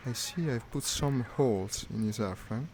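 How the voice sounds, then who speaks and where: Gravelly-voiced man commentating his flight sim. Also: medium pitch, normal speed, darkish tone. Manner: wry running commentary, talking to himself. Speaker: gaming streamer. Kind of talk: live commentary while playing a flight sim. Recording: noisy stream audio.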